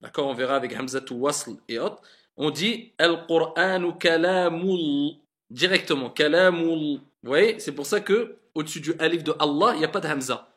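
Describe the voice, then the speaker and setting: Bright-voiced male Arabic reading teacher. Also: fairly high pitch, lively intonation. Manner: patient, repeats words slowly and drawn out to model pronunciation; encouraging, mixes French with Arabic words. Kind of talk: classroom lesson, correcting students' reading.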